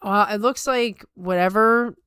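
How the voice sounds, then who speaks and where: A middle-aged woman co-hosts a sumo talk show, chatting casually and offering opinionated commentary that is emphatic and colloquial. Her mid-range voice is smooth and fairly bright, and she speaks unhurriedly. The recording is studio quality with no room sound.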